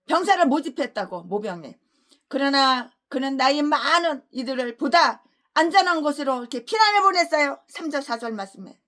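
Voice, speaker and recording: High, bright-voiced woman pastor ranting. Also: lively intonation, moderate pace. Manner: abusive, swings between shouting and muttering. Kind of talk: expository sermon with angry tirades.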